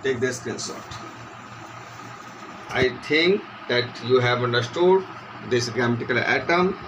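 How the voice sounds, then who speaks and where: A man's voice: mid-range voice, animated, background noise. A man teaching an English grammar lesson, asking questions and answering them himself. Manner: slow, questioning, answers his own questions.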